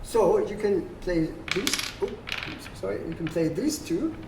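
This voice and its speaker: Speaking at a measured pace in an expressive, medium-pitched voice, a person hosts a board game and patiently lays out the rules for players at a table. They check that everyone follows, and the room is noisy with ambience.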